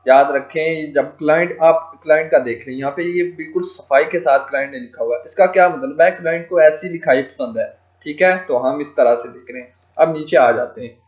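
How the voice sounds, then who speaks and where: A man's voice: on the high side, fairly quick, few pauses. A man teaching freelancing in a screen-recorded tutorial, dictating English phrases word by word as he types, with frequent fillers like "ok ji". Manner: frequent fillers "ok ji" and "theek hai". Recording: echoey lo-fi home recording.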